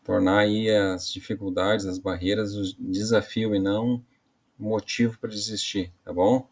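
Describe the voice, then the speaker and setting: Male teacher, gravelly low voice, casual lesson delivery with frequent restarts. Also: flat delivery. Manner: casual explaining with frequent "né" and "tá" tags; halting restarts while explaining. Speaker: Portuguese teacher. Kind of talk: online grammar lesson.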